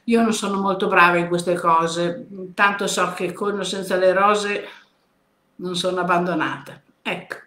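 A woman's voice: on the low side, steady tone, measured pace, sharp tone, echoey room. Older woman chatting live with viewers. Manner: chatty, greets viewers by name, drifts between topics. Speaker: host of a weekly live stream. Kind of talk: casual live chat reading viewer comments.

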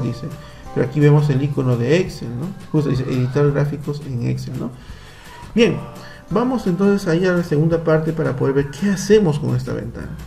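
A man's voice: a little high, vocal fry, a little mellow. A man with a Peruvian Spanish accent, teaching a computer lesson to children over a screen recording and patiently explaining each step. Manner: patient, explains step by step with frequent tag questions.

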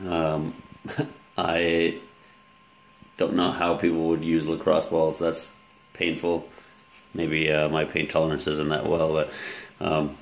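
A man in his thirties, a fitness coach, casually walking through his gym bag in a relaxed, rambling way with many fillers, filmed at arm's length in a small room. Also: sits low. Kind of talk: casual gear walkthrough vlog. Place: small room with yellow walls, indoors. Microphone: handheld camera at arm's length.

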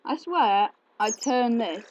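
With an extremely high, expressive voice, a man drifts slowly through casual gameplay commentary, rambling and chatty with many fillers. A faint hiss or hum sits under the slightly dull home recording, and his desk mic picks up keyboard clicks.

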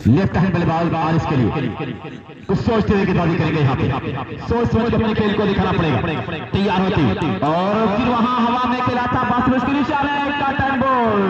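High-voiced cricket commentator over loud crowd. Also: male voice. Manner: excited, rhyming couplets and crowd asides. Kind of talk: live local cricket commentary. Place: outdoor cricket ground. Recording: roomy, distant, dull PA sound with loud crowd.

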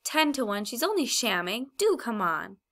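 A woman doing a bossy, sharp-tongued young girl. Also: very animated, normal speed. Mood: scornful. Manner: high, urgent and loud.

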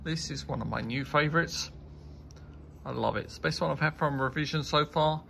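A man's voice: on the high side, a little fast, gravelly, pushed and bright, slight background noise. A man chatting casually as he reviews a beer, rambling and enthusiastic as he tastes. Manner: rambling, enthusiastic tasting remarks.

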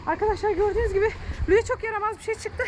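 A woman hosting a family vlog outdoors by a pool, coaxing and calling to her dog in a lively way. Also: very high-pitched, very fast. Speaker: mother and vlog host. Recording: noisy outdoor recording.

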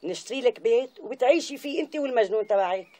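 An actress with a Syrian accent playing a stern, reproachful aunt, in a TV drama. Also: female voice, fairly high pitch, expressive, very fast, mellow, lightly acted. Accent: Syrian Arabic. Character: stern aunt delivering an offer.

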